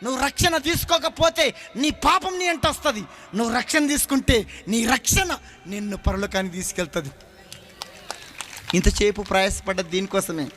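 A man's voice: high voice, a bit bright, slight background noise. A male preacher with a Telangana Telugu accent, telling folksy stories in a sermon and questioning the congregation directly. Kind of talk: sermon with storytelling. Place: church hall.

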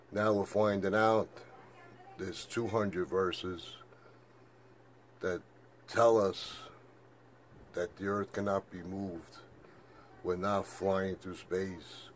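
An older man with a fairly low voice tells a rambling story straight to camera, with slight background noise behind him. He makes flat-earth videos, and his monologue meanders, full of fillers and repeated "I said."

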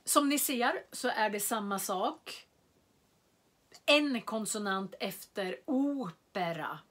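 A woman teaching a beginners' language lesson, speaking slowly and clearly and repeating single words to model their pronunciation. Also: medium pitch, expressive, a bit bright. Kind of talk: slow, carefully enunciated lesson for beginners.

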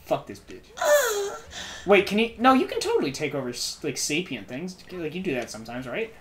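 A man's voice: a little high, sing-song, quick pace, fairly bright tone, a little hiss or hum. A man co-hosting a gaming let's play, rambling through jokes and profanity in casual banter.

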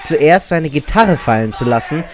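A man's voice: fairly high pitch, animated, moderate pace, a crowd in the background. A man hosting and narrating a countdown in a scripted style. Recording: music behind the voice. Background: music.

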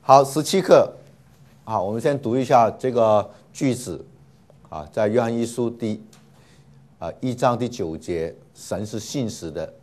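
A man's voice: mid-range voice, lively intonation, unhurried, darkish tone. Male teacher, patient classroom lecture, lots of fillers and repetition, with mixed in. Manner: patient, many filler 'ah' sounds, repeats words for students.

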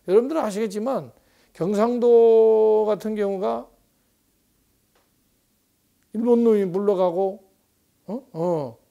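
A man's voice: high voice, slow pace, gravelly, pauses often, mellow, muffled recording. A man in his sixties, a professor, giving a rambling conversational lecture on politics with frequent rhetorical asides.

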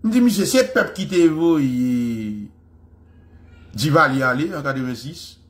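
A man's voice: fairly high pitch, expressive, unhurried, fairly bright tone. A man giving an impassioned history lecture, fervent and repeating phrases for emphasis.

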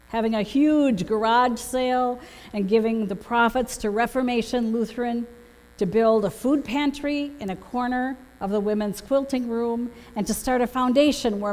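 Her voice leans high with a darkish tone as this middle-aged woman pastor gives a prepared sermon woven with stories from a church pulpit. She is recorded on a gooseneck pulpit microphone, and the church hall echoes with long reverb.

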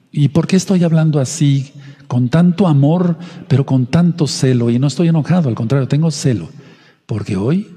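A man's voice: medium pitch, dark tone, slightly rough, long reverb tail. A man preaching a sermon as a Messianic pastor, impassioned and zealous, sometimes mimicking others. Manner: impassioned preaching, quoting others in mocking voices.

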